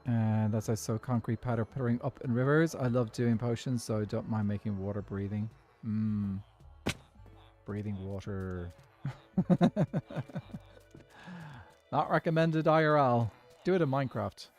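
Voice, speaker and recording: A young Irish streamer chats casually and at length while playing a game, answering chat as he goes. His voice is lowish and darkish, unhurried, with frequent pauses. Faint music plays in the background.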